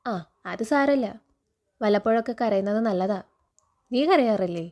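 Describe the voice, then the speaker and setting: A woman reading the lines of a stern father who scolds and teases his daughters, in a steady recounting tone. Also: mid-range voice, moderate pace, lightly acted. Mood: teasing. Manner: stern, threatening.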